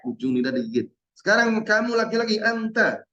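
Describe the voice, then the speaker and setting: A male teacher in an online Arabic lesson, patiently drilling verb forms and repeating each word slowly. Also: high voice, big pitch swings, pushed and bright. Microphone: video call. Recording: roomy and dull-sounding.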